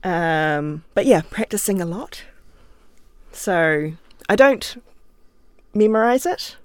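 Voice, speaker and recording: A woman's voice: lowish voice, expressive, takes it slowly, no echo. A woman from New Zealand with a New Zealand accent, chatting as a guest in a recording studio, thinking aloud and laughing often. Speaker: guest writer. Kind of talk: relaxed interview talk.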